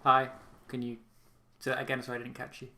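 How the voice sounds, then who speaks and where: A man running a tabletop game as game master, describing scenes in a relaxed way. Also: mid-range voice, fairly quick, echoey room.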